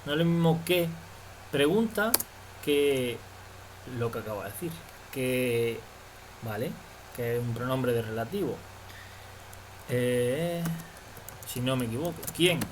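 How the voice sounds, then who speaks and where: Guy teaching a lesson, real slow and patient, keeps checking in, faint keyboard noise behind. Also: medium pitch, poor audio. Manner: slow, patient explaining with frequent "vale?" checks. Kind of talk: language lesson.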